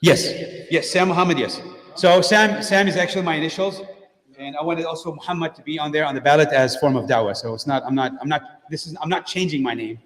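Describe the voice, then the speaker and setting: A man's voice: a little high, fast talker, fairly bright tone. Plainspoken man in an echoey hall. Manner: direct and plainspoken, frequent fillers and restarts. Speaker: guest speaker at a mosque. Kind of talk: informal community talk with Q&A. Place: mosque hall. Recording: echoey hall with long reverb.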